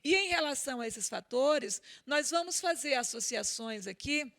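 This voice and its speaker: Female lecturer with a Maranhão accent, higher-pitched and gravelly, explaining patiently. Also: animated, moderate pace, fairly bright tone. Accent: Maranhão Brazilian Portuguese. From Maranhão, Brazil. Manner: explanatory, checks in with "tá?" and "certo?". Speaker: teacher. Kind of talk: classroom lecture.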